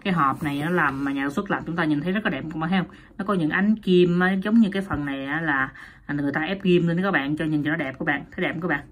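A woman's voice: low-pitched, fast talker. A woman reviewing and unboxing a toy in a chatty, casual way, often addressing viewers and laughing at herself.

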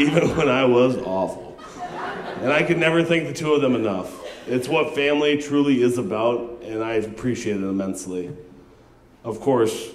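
A young man stands at a wedding reception with a handheld mic, reading his best man toast off his phone and chuckling at his own jokes. His mid-pitched voice rings through an echoey hall, with faint room ambience underneath. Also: a little hiss or hum. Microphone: handheld microphone.

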